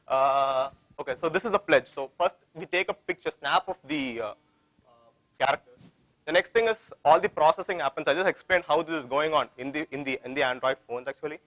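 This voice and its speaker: A man's voice: fairly high pitch, brisk, a bit bright, dry recording, rough recording. A man with an Indian accent giving an informal technical presentation, often repeating phrases and posing questions that he answers himself. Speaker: tech conference presenter.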